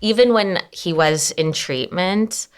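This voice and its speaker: A young adult woman speaking as an interview guest, soft-spoken and reflective, with many fillers and nervous little laughs. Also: on the low side, slow pace. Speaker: anonymous guest. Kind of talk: candid personal interview.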